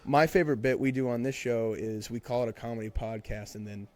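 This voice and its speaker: A man's voice: medium pitch, steady tone, brisk, darkish tone. A young man co-hosting a podcast in casual chat, rambling with lots of fillers and swearing. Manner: rambling, profane, full of fillers. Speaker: podcast co-host.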